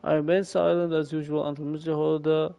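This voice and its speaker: A male streamer reading game story text aloud, haltingly and with frequent self-corrections. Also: on the high side, flat delivery, gravelly, warm tone, clean tone.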